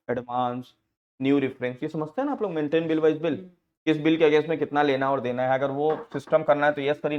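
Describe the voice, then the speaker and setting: A man teaching accounting software in a casual class, telling stories with frequent laughs and acting out the people in them. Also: on the high side, highs cut off. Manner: chatty storytelling, laughing often, acting out quoted people.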